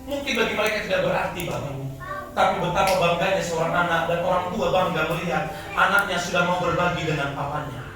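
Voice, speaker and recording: A man's voice: high-pitched, fast. Preaching man in an echoey church hall. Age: 40s. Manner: swings from hushed storytelling to shouted exhortation. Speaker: pastor. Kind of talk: sermon. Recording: echoey church hall, mic from a distance, music behind.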